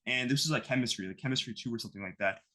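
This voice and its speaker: A man's voice: mid-range voice, very fast, pushed and bright. A man in his twenties from the US East Coast, an interview guest talking casually and rambling with lots of fillers. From East Coast of the United States. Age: 20s. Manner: rambling, heavy on fillers like "you know" and "like".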